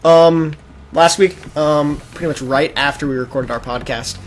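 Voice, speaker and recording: Speaking at a normal speed in a fairly high voice, a man hosts a casual gaming podcast. He gives long, wandering explanations as a game is played, now and then voicing imagined quotes, while game audio fills the noisy amateur recording.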